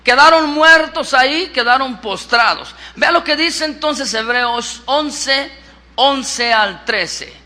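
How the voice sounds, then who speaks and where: A man with a Mexican accent, a pastor preaching a lively sermon and questioning his congregation. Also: extremely high pitch, slow pace. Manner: lively, acts out scripture, asks the congregation questions.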